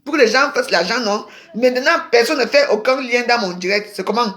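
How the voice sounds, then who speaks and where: A woman, chatting on a casual phone livestream in an excitable, rambling way with sudden exclamations. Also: fairly high pitch, fairly quick. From Cameroon. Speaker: live streamer. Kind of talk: casual Facebook live chat.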